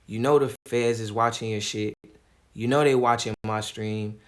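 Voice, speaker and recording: Calm low-voiced male streamer. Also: normal speed. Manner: laid-back, calm, slangy street talk. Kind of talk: casual livestream commentary.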